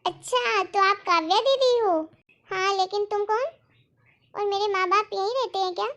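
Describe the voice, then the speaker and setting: Anxious young daughter-in-law , a woman acting: very high voice, emotional, pleading. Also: moderate pace, a bit bright. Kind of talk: storytelling role-play.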